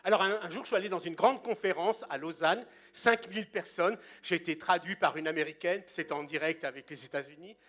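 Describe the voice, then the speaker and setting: A man's voice: on the high side, fairly quick, few pauses, a bit bright. A man in his sixties, a pastor preaching a sermon in a church and telling humorous anecdotes with punchlines.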